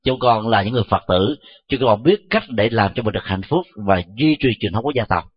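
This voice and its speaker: A man, a Buddhist monk, giving a measured dharma talk and answering questions, pausing often with soft fillers. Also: fairly low pitch, lively intonation, husky. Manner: slow, measured, frequent filler "à". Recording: dull lo-fi recording.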